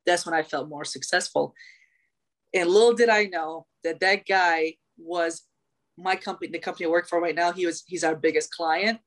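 Her pitch sits fairly low and her speed is normal. She's a young adult woman from Iraq, a guest on an interview, recounting her story with lively chatter, lots of fillers, and frequent restarts.

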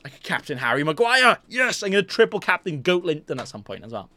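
A young man chats loosely on his podcast, his voice sitting a little high. He keeps mocking himself and restarting his sentences, recorded close and dry in a small room. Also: very animated, fast, bright, forceful tone, no room sound. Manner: self-mocking, jokey, rambling with restarts. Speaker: podcast host. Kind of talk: casual rambling chat. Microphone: desk mic in front of a green screen.

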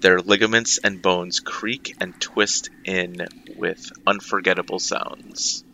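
A man's voice: low voice, fairly even intonation, slow, pushed and bright, a little hiss or hum, rough recording. A man running a tabletop game as game master, narrating scenes and directing the players.

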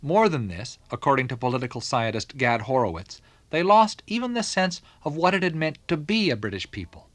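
A man narrating a documentary from a script in a measured, formal way. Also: mid-range voice, very animated, fairly bright tone, no echo.

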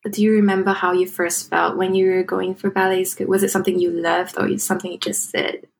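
A woman hosting and producing a podcast, candid and friendly, asking gentle open questions. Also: lowish voice, flat delivery, a little fast, creaky, slight background noise.

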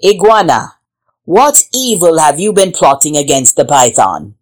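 A woman's voice: sits low, sing-song, unhurried, darkish tone, heavily acted. A woman voicing a commanding male lion king who questions his animal council in a declamatory storybook style. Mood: stern, accusing. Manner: declamatory, insistent, accusing.

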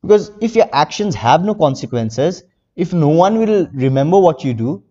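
Teen guy from india rambling earnestly, mellow voice, dull audio with a long reverb. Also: a little high, lively intonation, normal speed. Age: teens. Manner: earnest, rambling with many fillers. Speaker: interview guest, young novelist. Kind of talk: casual interview.

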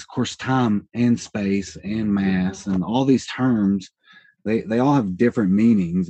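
This podcast guest, an independent researcher in his thirties, talks through ideas in a loose interview style, hedging and self-correcting as he wanders along. His voice sits low and sounds dark with a breathy edge, captured in a dry recording.

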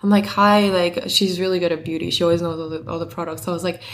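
A woman's voice: on the low side, fairly even intonation, quick pace. Chatty young woman, lots of likes. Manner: chatty, heavy use of "like" fillers. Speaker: guest, company co-founder. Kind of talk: casual interview chat.

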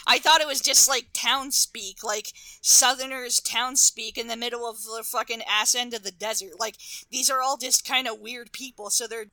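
Bright, bubbly woman gushing about films. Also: fairly high pitch, steady tone, normal speed, few pauses, dry recording, rough recording. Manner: enthusiastic, gushing, swears casually. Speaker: podcast co-host. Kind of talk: casual movie discussion.

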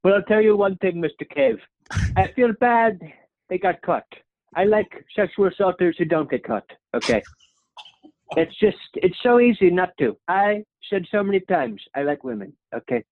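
A man's voice: animated, moderate pace, a little hiss or hum. A young man impersonating a boastful male president who rambles, praises himself and keeps ending lines with "okay?". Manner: rambling, repeats "okay?" with a dropping pitch. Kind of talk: comedic impression sketch. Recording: tinny phone-like sound.

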